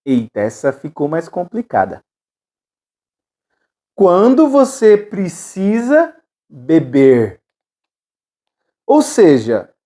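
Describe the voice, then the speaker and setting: A Brazilian woman teaching English in an online video lesson, drilling phrases with steady repetition and moving between Portuguese and English. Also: on the low side. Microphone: camera with ring light.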